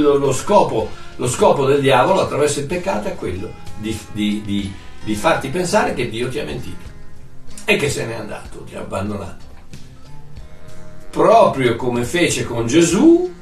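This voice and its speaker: Brief: male preacher, animated and emphatic, slightly high voice, echoey and a bit distant with faint music under him. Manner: emphatic, lively preaching with long lists and sudden drops to soft tones. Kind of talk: sermon answering listener questions.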